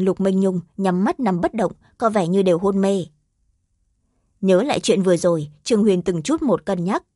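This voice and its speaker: Woman narrator for a fantasy audiobook; steady, mid-pitched, dry. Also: no echo.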